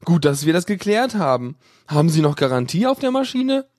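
A man's voice: on the high side, very animated, fairly quick, darkish tone, dry recording, clean studio sound. A man reading a humorous first-person story in a sardonic, smug, mock-helpful way. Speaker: narrator.

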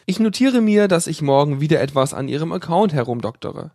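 A man's voice: a little high, expressive, brisk, a little mellow, no room sound, studio quality. A man reading a humorous first-person story in a sardonic, smug, mock-helpful way. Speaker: narrator.

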